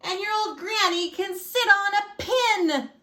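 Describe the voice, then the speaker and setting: A woman voicing a rude, snappy little male pig who shouts insults in a storybook. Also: very high-pitched, unhurried, pitched above the performer's own voice, heavily acted. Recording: echoey room.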